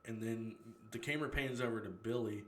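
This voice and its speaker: A man recaps a horror film in loose, casual talk, swearing often and breaking into laughter at his own retelling. His voice sits at an ordinary middle pitch. The room gives it a noticeable echo. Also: brisk, fairly bright tone, a little hiss or hum. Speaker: horror movie reviewer.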